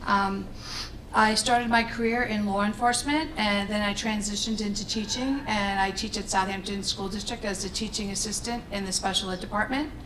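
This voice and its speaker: A woman's voice: fairly even intonation, normal speed. Long Island woman heard from a distant mic. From eastern Long Island. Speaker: town board candidate, teaching assistant. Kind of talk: opening statement at a debate. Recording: distant mic, faint rumble.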